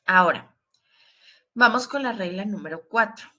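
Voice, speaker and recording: Bright-voiced woman teaching English grammar. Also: mid-range voice, expressive, normal speed. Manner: patient, repetitive, stresses warnings with frequent "¿sí?" check-ins. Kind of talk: online grammar lesson.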